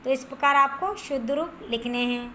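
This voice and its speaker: A woman teacher giving a grammar lesson to first graders, repeating each word and answer slowly so they can write it down. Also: high voice, sharp tone, a little hiss or hum.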